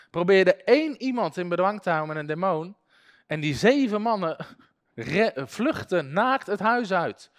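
Man, Bible school teacher, high-pitched voice, lively classroom storytelling, frequent chuckles. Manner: animated storytelling, chuckles often. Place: classroom with a live audience.

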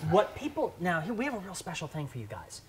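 Playful man hosting with lively pitch. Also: quick pace, a loud crowd. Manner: playful, hype-building. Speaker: podcast host. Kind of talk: casual chat.

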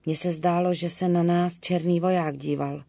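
A woman's voice: on the low side, fairly even intonation, vocal fry, dark tone, dry recording. A woman voicing a frightened young village bride who speaks in an anxious, pleading way. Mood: frightened whisper.

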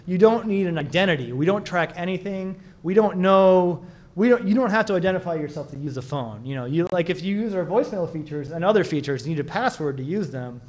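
Man speaker at a small conference, slightly high voice, loose rambling delivery full of restarts. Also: animated, brisk, darkish tone. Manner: rambling, many restarts and fillers. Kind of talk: casual conference talk and Q&A.

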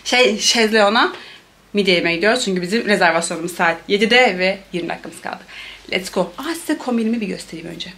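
A young woman chatting playfully to a handheld camera for her travel vlog, laughing often and breaking into lively exclamations. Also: medium pitch, fast. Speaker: travel vlogger. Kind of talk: casual travel vlog chat.

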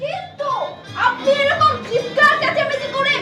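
A woman's voice: very high-pitched, fairly even intonation, moderate pace. A young woman playing an annoyed, complaining royal lady in folk theatre. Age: young adult. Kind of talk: jatra folk theatre acting. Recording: very echoey hall, distant mic, loud music, crowd.

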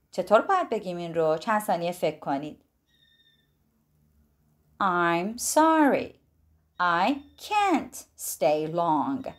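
Woman English teacher, Persian native speaker, low but lively voice, quick explanations, slow clear repeats of phrases. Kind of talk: language lesson for Persian speakers.

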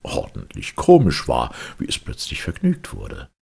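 With a measured pace, a man narrates a fairy tale for an audiobook in a highly theatrical, animated storybook manner. His voice is extremely deep and very husky, carrying a gravelly creak.

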